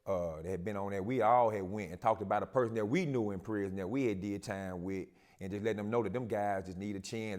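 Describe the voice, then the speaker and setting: A man with a low voice is a guest on a casual talk show. He speaks calmly and steadily, reflective, with Southern slang.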